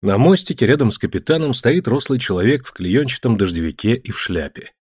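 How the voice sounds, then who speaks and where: A man narrating an audiobook with expressive storytelling and a husky voice. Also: mid-range voice, a little fast, dry recording, clean studio sound.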